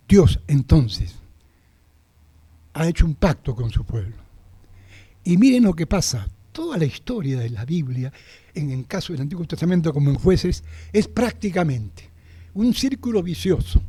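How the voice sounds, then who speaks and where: A man preaching a sermon as pastor, animated, repeating phrases for emphasis and putting questions to the congregation. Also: fairly high pitch, a little slow, long pauses, husky.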